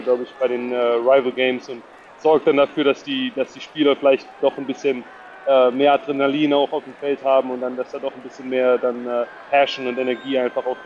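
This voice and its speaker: A man's voice: medium pitch, highs cut off. A young man from Germany, a football player, answering interview questions hesitantly with many fillers and repeated words.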